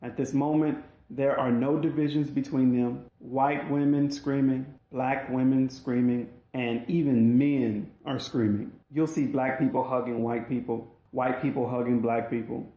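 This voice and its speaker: A man's voice: mid-range voice, warm tone. A man narrating his own audiobook in an emphatic, dramatic storytelling manner. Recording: roomy echoey recording.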